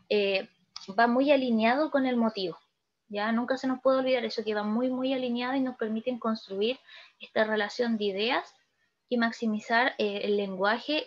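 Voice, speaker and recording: A Chilean woman teaching a literature lesson in a fairly high voice. She keeps asking "¿ya?" and "¿se fijan?" to check that her listeners follow. The recording sounds dull and lo-fi. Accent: Chilean Spanish.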